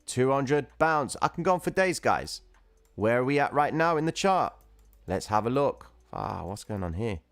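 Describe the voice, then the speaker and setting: A man hosts a livestream where he casually explains chart trading, reads viewer chat, and chats with commenters, calling them "guys" and "bro." His mid-range voice is sing-song and a bit bright, at a normal speed with no echo.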